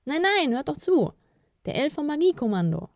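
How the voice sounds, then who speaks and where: A woman's voice: mid-range voice, fairly quick, a little mellow, dry recording, studio quality, natural voice. A woman voicing a fussy, self-important male elf who talks with pompous airs, in a storybook reading. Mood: sheepish. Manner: pompous, rising and sheepish.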